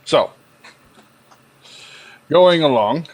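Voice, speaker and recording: A man's voice: on the high side, lively intonation, very slow, poor audio. A man improvising narration as game master of a tabletop game in a casual style.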